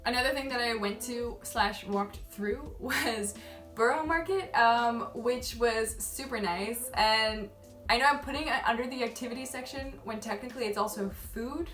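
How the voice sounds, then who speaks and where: Speaking at a moderate pace in a fairly high, fairly bright voice, a young Malaysian-raised travel vlogger chats and rambles to camera, frequently laughing at herself. Faint music, a distant mic and an echoey room shape the recording.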